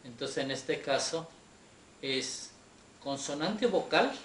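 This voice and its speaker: A man teaching Hebrew grammar in a Torah class, slow and patient, often checking that his students follow. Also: a little high, animated, a bit bright. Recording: echoey room with faint noise.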